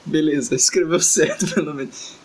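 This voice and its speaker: A man's voice: on the high side, moderate pace. A man from Brazil co-hosting a casual podcast, joking, swearing freely and fumbling through foreign words. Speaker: podcast co-host. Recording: faint background noise.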